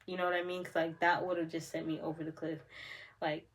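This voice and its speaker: A young adult woman vlogger telling a personal story on camera in a casual, chatty, animated way, with frequent "like" fillers. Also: low-pitched, fairly quick.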